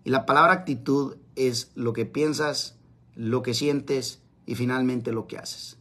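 A man's voice: medium pitch, fairly even intonation, a little slow, a bit bright. A man giving a live-streamed motivational talk, emphatic and repeating his key phrases. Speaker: motivational speaker. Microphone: camera mic on live stream.

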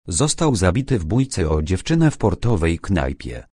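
A man reading the lines of a calm police major in an audiobook, speaking gently and in a measured way. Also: low voice, husky, no room sound, studio quality, exaggerated voice. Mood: grave.

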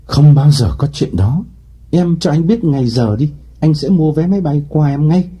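A man's voice: mid-range voice, big pitch swings, normal speed, dark tone, breathy edge. A man voicing an eager, fawning male suitor. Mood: earnest. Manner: pleading and fawning. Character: eager smooth-talking man on the phone. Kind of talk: audiobook reading.

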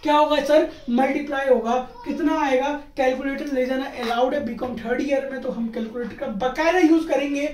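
A man's voice: very high-pitched, steady tone, fairly quick, hardly any pauses. A young man teaching a lesson at home, quizzing the class and answering his own questions in a playful, casual way. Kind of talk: casual recorded tutorial. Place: room at home. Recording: echoey room, far from mic.

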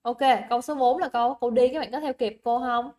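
Over a livestream, a young woman with a Vietnamese accent holds an English exam review lesson. Her slightly high voice is steady, fast and a little mellow, and her chatty, coaxing style includes repeating words for emphasis and checking that students follow.

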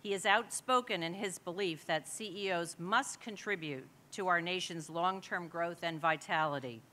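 A woman's voice: fairly low pitch, moderate pace, bright, forceful tone. A woman giving a formal, earnest introduction at an awards dinner. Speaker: co-chair presenting an award.

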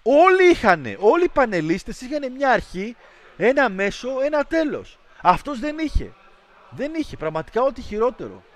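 A man hosting a livestream, chatting casually with viewers and ranting in a mocking, animated way. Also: very high voice. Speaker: livestream host. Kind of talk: casual stream chat with viewers.

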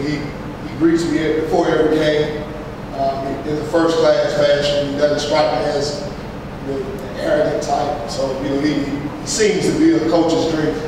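Halting coach in an echoey hall. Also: male voice, fairly high pitch. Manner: measured, halting, many fillers and restarts. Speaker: head football coach. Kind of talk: post-game press conference answers. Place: press room with backdrop, large echoey space. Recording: echoey hall, far mic, noisy.

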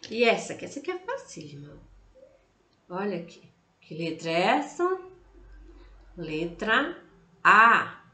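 A Brazilian woman teaching preschoolers, drawing words out slowly to sound out each vowel. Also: mid-range voice, very animated, bright, forceful tone, slight background noise. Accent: Brazilian Portuguese. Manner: slow, drawn-out words, sounding out vowels for kids. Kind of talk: online lesson for young children. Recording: roomy, echoey room.

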